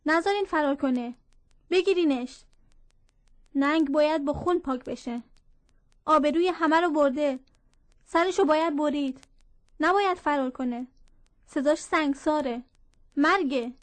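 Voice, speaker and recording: A woman's voice: sits high, long pauses, natural voice. A woman voicing jeering, scornful villagers. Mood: vengeful. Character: gossiping, vengeful crowd of villagers.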